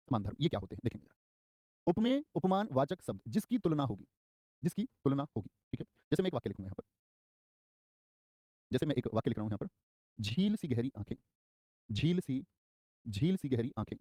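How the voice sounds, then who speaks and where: Brief: young male teacher, rapid-fire delivery, a bit high for a man, quizzes and repeats terms, live online class. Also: no room sound, studio quality. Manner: energetic, repeats key terms and quizzes students; acts out short quoted lines in a raised voice. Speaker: Hindi grammar teacher.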